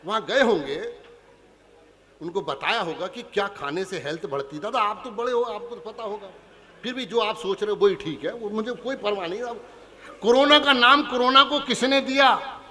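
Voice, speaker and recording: Here the same kind of comic poet from Punjab works the audience at a poetry gathering, ribbing them in a conversational way. He speaks at a moderate pace in a high, lively, slightly bright voice that echoes like a large hall.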